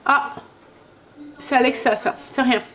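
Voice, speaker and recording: Speaking high and steady in an unhurried, fairly bright tone, a thirtysomething family vlogger chats as she cooks at home. A cold has left her nose stuffy, and her casual kitchen talk is hesitant and packed with fillers.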